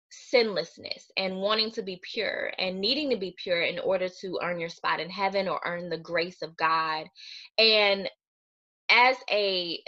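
A woman with a slightly low but bright, forceful voice lectures in an earnest, explanatory way. She speaks as a clinical social worker presenting a recorded webinar. The audio is dull and lo-fi.

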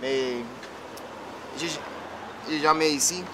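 Slow and steady, on the high side: a young man in his twenties, a fiddler from Texas with a Cajun and Creole French accent, casually answers interview questions while groping for words. He stands outdoors in a yard near a house and street, caught by a nearby camera mic amid outdoor noise.

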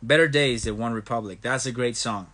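With a bright, forceful tone at medium pitch and a moderate pace, the young Mexican streamer talks casually over a phone livestream. He goes through viewer comments, reading them aloud and replying in turn, moving back and forth between English and Spanish.

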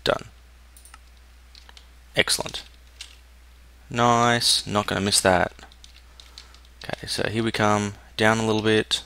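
A man's voice: on the low side, flat delivery, slow, long pauses, sharp tone, clean tone. A young man giving casual let's-play commentary, muttering and thinking aloud as he plays. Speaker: gameplay commentator.

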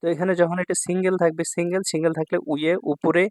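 A man's voice: fairly high pitch, little pitch movement, rapid-fire. Bangladeshi man teaching kanji, repeating words. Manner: repeats words and asks "ঠিক আছে?" often. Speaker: Japanese language teacher. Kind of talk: explaining kanji lesson.

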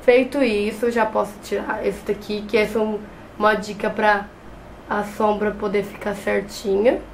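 Her medium-pitched voice has a flat delivery at a normal speed, heard through poor audio with a little hiss or hum. A young adult beauty vlogger with a cold, she chats through a makeup tutorial up close to the camera in front of her, frequently restarting words, in a small bedroom with shelves and a clothes rack.

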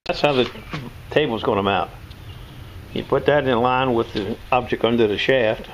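A man's voice: mid-range voice, moderate pace, muffled recording, a little hiss or hum. An older man, casually demonstrating tools in his home workshop, rambling and folksy. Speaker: knife sharpener showing his shop tools.

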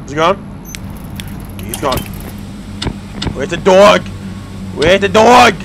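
A man's voice: sits high, expressive, slow pace, slight background noise. A young man playing a horror game, jumpy and foul-mouthed, yelping at scares. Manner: jumpy, swears a lot, yelps and shouts at scares. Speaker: gaming YouTuber. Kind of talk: horror game let's play commentary. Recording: game music behind the voice.

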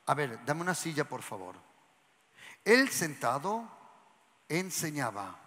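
A pastor preaching to his congregation, moving hushed whispers to shouts and asking the crowd questions. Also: a little high, sing-song, takes it slowly. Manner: asks the congregation questions and has them repeat lines. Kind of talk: lively sermon to a congregation. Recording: church hall with long reverb.

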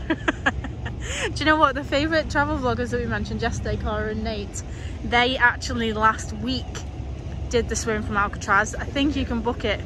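A woman's voice: a little high, noisy background. A woman chatting casually as a travel vlogger while walking a city waterfront, rambling and full of fillers. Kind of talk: casual travel vlog narration.

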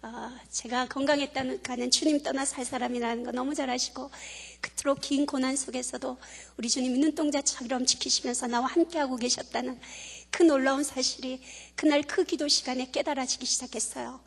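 A woman, a church deaconess, giving a testimony that moves from playful jokes to earnest, hushed faith talk. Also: high voice, fairly quick, husky. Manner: playful, animated, turning soft and hushed. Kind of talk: humorous then earnest testimony. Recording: long church-hall reverb.

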